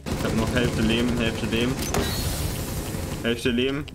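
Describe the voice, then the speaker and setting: A young man giving casual gameplay commentary, excitable and self-mocking, often swearing. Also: medium pitch, a little slow, very noisy. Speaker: gaming YouTuber. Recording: game music and gunfire behind. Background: game music and gunfire.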